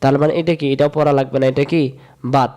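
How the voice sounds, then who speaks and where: A man from Bangladesh, teaching a step-by-step recitation lesson, repeating rules in a sing-song chant and drawing sounds out slowly. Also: a little high, level tone, darkish tone. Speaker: Quran reading teacher.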